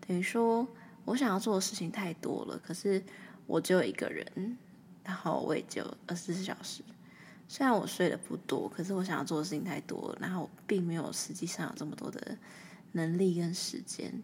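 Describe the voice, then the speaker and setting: A young woman from Taiwan with a Taiwanese Mandarin accent talks through a casual solo podcast in a fairly low voice. She rambles loosely and keeps letting her sentences fade into a breathy, almost whispered murmur. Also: fairly quick, a little mellow, a little hiss or hum. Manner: rambling, often trailing off into a breathy near-whisper. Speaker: podcast host.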